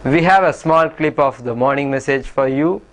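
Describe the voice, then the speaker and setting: A man's voice: mid-range voice, moderate pace. A man presenting scripted news in the manner of a field reporter. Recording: music behind the voice. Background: music.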